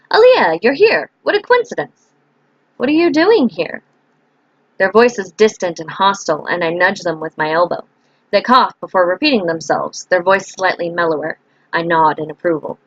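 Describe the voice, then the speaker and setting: A woman's voice: mid-range voice, a bit bright, dry recording. A woman hosting a let's play, reading a story game's narration aloud in her everyday voice. She breaks in with chatty, offhand asides. The recording is dry and a little dull, like a simple home setup. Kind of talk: reading a visual novel game aloud.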